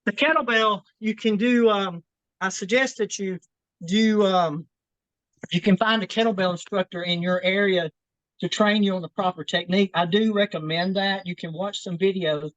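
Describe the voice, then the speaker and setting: A woman's voice: medium pitch, moderate pace, no echo, lo-fi sound. Winded woman coaching a workout. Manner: encouraging, repeats "keep it simple, guys". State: out of breath. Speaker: fitness instructor. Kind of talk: workout demonstration and advice. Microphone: video call.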